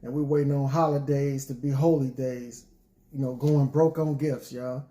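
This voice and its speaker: A man's voice: mid-range voice, little pitch movement, normal speed, mellow. A man speaking informally and reflectively to listeners in a folksy, preacherly way, as a poet sharing his thoughts. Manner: folksy, preacherly, often addresses listeners as y'all. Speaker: poet addressing an audience.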